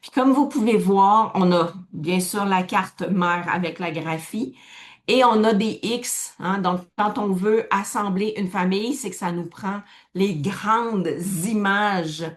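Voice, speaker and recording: A woman walks through a card game in a relaxed, explanatory way. She thinks aloud as she goes, with plenty of fillers and restarts. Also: medium pitch, slow pace. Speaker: presenter demonstrating a card game. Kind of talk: casual explanatory demonstration.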